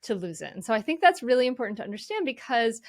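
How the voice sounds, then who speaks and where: Woman, interview guest, earnest, gentle, conversational, dry close sound. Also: a little high, sing-song, fast talker, no room sound. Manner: earnest, gentle, many fillers like "you know". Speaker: mindfulness author, guest. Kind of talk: conversational explanation.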